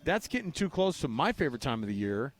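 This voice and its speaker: An American man co-hosts a sports radio show, talking casually in a fast, mid-range voice. He's animated, repeats phrases for emphasis, and often throws in rhetorical questions.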